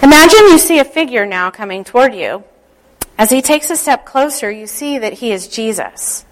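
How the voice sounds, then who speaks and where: A woman speaking as a church leader, giving a devotional talk and guided prayer in a gentle, unhurried, instructive way. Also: on the high side, lively intonation, rough recording.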